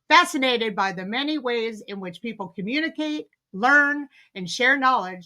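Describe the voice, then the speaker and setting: A woman's voice: fairly high pitch, pushed and bright. A woman hosting a podcast interview, enthusiastic, with frequent fillers and restarts as she talks. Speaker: podcast host.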